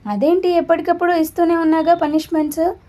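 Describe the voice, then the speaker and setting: A woman's voice: very high-pitched, level tone, quick pace, mellow. A woman voicing a proud, irritable young man who snaps and brushes things off.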